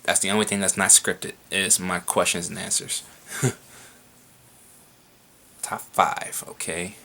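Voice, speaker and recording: A man's voice: deep voice, little pitch movement, slow, vocal fry, pushed and bright. A young man answering viewer questions in a casual vlog, rambling with frequent swearing and laughs.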